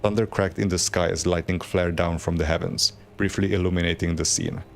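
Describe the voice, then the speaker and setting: A man's voice: low voice, flat delivery, fairly quick, vocal fry, a little hiss or hum. A man streaming a game, reading lore aloud in a plain, unacted voice with casual asides.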